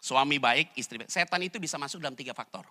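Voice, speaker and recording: A man preaching a casual sermon, jumping into loud acted voices and slangy asides. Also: medium pitch, fast. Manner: animated, jumps into loud character voices. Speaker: pastor. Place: church online service.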